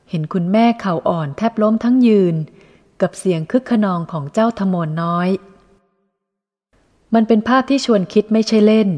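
A woman reading a first-person literary story aloud in a measured, reflective way. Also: mid-range voice, a little mellow, in a large hall. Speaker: audiobook reader.

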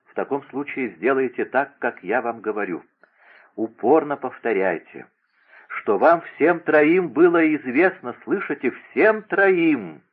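Over a tinny radio broadcast that sounds like a phone, a man with a husky, medium-pitched voice reads at normal speed, animatedly playing a scheming, imperious young princess barking orders in a raised, insistent, commanding voice.

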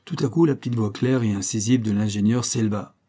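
A man narrating an adventure story as an audiobook in a steady, measured reading. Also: fairly low pitch.

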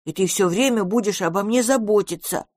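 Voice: mid-range voice, fairly quick, a little mellow, no room sound, clean studio sound, voice pushed up, natural voice. A reader voicing a small, jealous young dragon who talks in an indignant, sulky way in an audiobook. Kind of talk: audiobook character reading.

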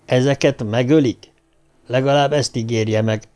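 A man's voice: medium pitch, fairly even intonation, darkish tone, clean tone, close to an everyday voice. A man voicing a cornered, bitter male ruler who speaks in a strained voice while reading an audiobook.

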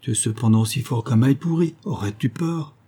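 A man voicing a skeptical, commanding male mine director in a low, dry tone. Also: a little fast, dark tone, slightly rough.

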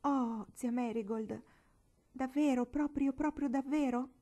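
A woman's voice: fairly high pitch, fairly even intonation, a little slow, a little mellow, pitched above the performer's own voice, natural voice. A woman reading aloud voices a small tearful girl, pleading and breathless in a storybook reading.

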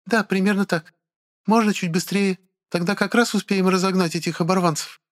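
A man voicing a calm, calculating woman officer who reasons in a measured way. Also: high-pitched, voice pushed up, lightly acted.

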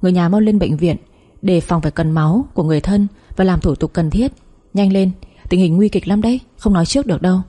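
A brisk middle-aged man on an urgent call, as a woman narrator puts him on, clipped and hurried. The voice stays low and husky with a mellow tone, read out as a storybook.

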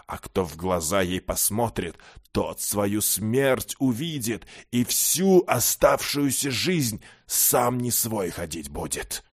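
A man voicing a gloating, toothless old male beggar who spreads slow, ominous tales of a monster, mumbling his words in an audiobook. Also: mid-range voice.

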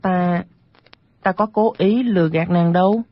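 An honest, sad young hero, voiced a little lower by a woman narrator, pleads softly. The storybook audio is dull and lo-fi. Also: normal speed, close to an everyday voice. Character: gentle naive young man, sad and honest.

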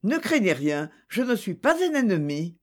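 A reader voicing Francis, a calm, courteous male investigator who questions people gently but insistently. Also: medium pitch, moderate pace.

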